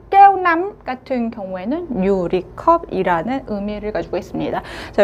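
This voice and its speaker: A woman with a high voice teaches a language lesson. She models words slowly and stretches out the sounds. Her explanations keep returning to a short filler word. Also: a little mellow, a little hiss or hum. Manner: slow, drawn-out modelling of words, frequent "자".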